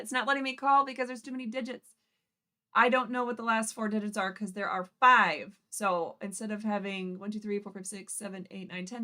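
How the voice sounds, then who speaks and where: A woman's voice: mid-range voice, sharp tone. Chatty woman hosting a live call-in. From Upper Peninsula of Michigan. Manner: chatty, informal, thinking aloud. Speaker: host of a live legal call-in show. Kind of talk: casual live-stream chat.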